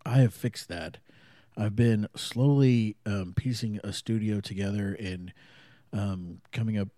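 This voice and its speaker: Low mellow dude rambling on his podcast, kinda stuffy from allergies, lots of ums, swears a bit. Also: unhurried, no room sound, studio quality. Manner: rambling, loose and profane, many fillers. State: congested from allergies, slightly thick voice. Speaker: podcast host. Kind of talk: casual solo podcast monologue. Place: small home studio.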